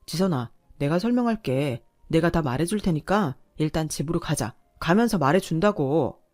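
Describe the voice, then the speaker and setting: A woman's voice: deep voice, expressive, normal speed, darkish tone, dry recording, clean studio sound. A woman voicing a nervous, evasive young husband in a radio drama who talks in a fussy, placating way. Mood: pleading.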